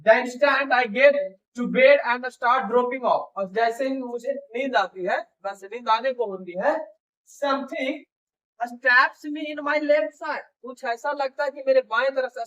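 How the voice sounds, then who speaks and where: A man teaching an English lesson, reading English lines slowly and loudly, then explaining them in casual Hindi. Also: extremely high pitch, distant mic, lo-fi sound.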